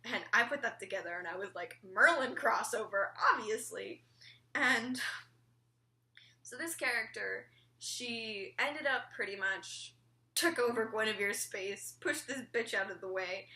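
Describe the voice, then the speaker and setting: A woman's voice: fairly high pitch, unhurried, bright, forceful tone. A young woman in her late teens talks in a casual, rambling vlog, full of "like" and "um" and casual swearing. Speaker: vlogger.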